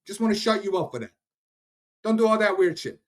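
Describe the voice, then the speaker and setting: Animated and brisk, a man from Iran vents heatedly at his live-stream audience, swearing frequently and addressing them directly. His voice sits high.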